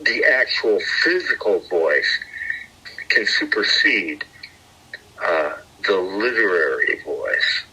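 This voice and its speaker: A man co-hosting a podcast, talking in an animated, rambling way and laughing often. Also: low voice, slow pace, rough recording. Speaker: podcast co-host. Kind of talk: casual chat.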